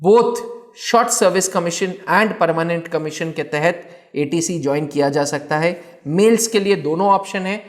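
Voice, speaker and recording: Speaking in a high voice, this man teaches students through an educational explainer on a defence exam channel. He phrases things deliberately and emphatically, repeating words to stress them.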